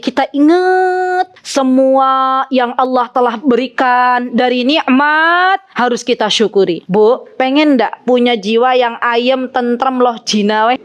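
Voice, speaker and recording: A middle-aged woman with a Javanese accent, giving an animated, teasing sermon to women and mixing in Javanese words. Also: high-pitched. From Central Java. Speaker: Islamic preacher.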